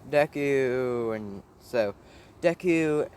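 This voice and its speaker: A man's voice: medium pitch, animated, extremely slow, darkish tone, a little hiss or hum. A man casually narrating a made-up fan story, rambling, with fillers and the odd swear word.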